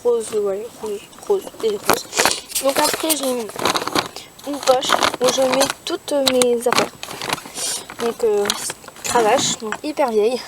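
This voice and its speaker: A woman's voice: fairly high pitch, slow pace, pauses often, heavy background noise. A teenage girl showing her riding gear in a casual vlog from the boot of a car, hesitant, with many fillers and restarts. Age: teens. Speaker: youtuber. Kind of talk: casual show-and-tell vlog.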